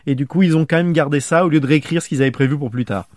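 A man's voice: a little high, very fast, a little mellow, no room sound, studio quality. A man with a French accent hosting a casual film discussion podcast, rambling and self-correcting as he talks. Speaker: podcast host.

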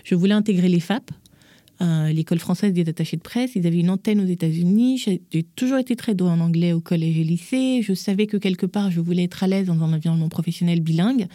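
On a podcast, a young woman from Gabon candidly tells her life story, lively and acting out the voices of people she quotes. Her voice is fairly low and quick. The recording is dry and studio quality.

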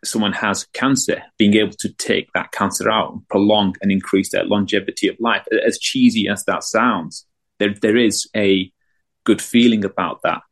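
A man's voice: on the low side, steady tone, moderate pace. A man chatting casually as a podcast guest, informal and given to joking. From Bradford, England. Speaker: surgical trainee, podcast guest. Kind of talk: casual chat.

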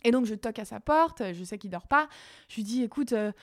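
A woman's voice: brisk, no echo, clean studio sound. A young woman telling a personal story in a casual way, full of fillers, her voice leaping up when she relives her anger. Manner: animated, many fillers, voice jumps high and loud when reliving anger.

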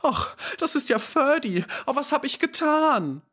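A woman's voice: big pitch swings, a little slow, a bit bright, exaggerated voice. A man voicing a remorseful young woman who cries out shrilly in an audiobook. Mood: wailing remorse. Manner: shrill, wailing.

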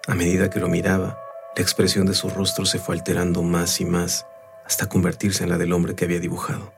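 A man narrating a story in the first person in a measured, unhurried way. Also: sits low, monotone, creaky, over music. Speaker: audiobook narrator.

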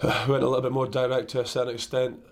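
A man, a caretaker player-manager with a croaky voice, answering post-match questions in a halting way, often repeating words. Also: medium pitch, level tone.

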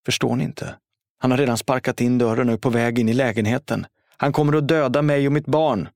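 A man voicing a frightened mother who pleads with the police and comforts her son, in a raised pitch. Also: vocal fry, darkish tone, dry recording, clean studio sound, close to an everyday voice. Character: desperate terrified mother, woman, protective.

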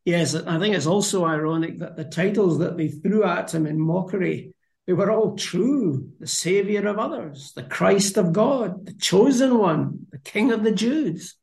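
Man with a really gravelly voice, kinda high, earnest bible chat, echoey room. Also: lively intonation, a little slow, darkish tone. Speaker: Bible study co-host. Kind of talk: conversational Bible discussion.

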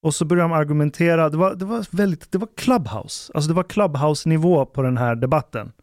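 A man's voice: fairly high pitch, no echo, studio quality. A man hosting a podcast, telling a story in casual chat and acting out what people said. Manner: animated storyteller acting out quotes. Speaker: podcast host.

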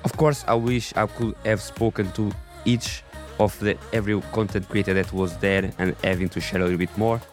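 A man with a raspy voice and non-native English, hosting a podcast in a scripted narration style. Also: on the low side, fairly even intonation, moderate pace, soft background music. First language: not English. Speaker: podcast host.

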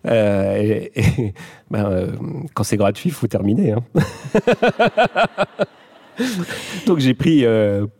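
A man's voice: lowish voice, lively intonation, a little slow, mellow. A man from the Vosges, an author who is a guest, talking in a hesitant, self-mocking way, often laughing. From Vosges, France. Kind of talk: casual chat.

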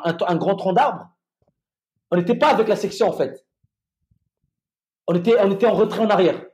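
A middle-aged man with a fairly high voice tells a story from his time as a soldier in a relaxed, conversational way. He stumbles and restarts often, filling gaps with hesitations, then pushes on with vivid detail. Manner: halting, many restarts and fillers, vivid retelling. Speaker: former soldier telling his experience.

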